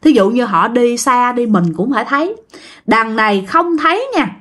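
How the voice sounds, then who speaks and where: A woman narrates a ghost story casually, turning to her listeners often. Her voice sits a little high and moves in lively swoops. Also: moderate pace. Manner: chatty, addresses listeners directly.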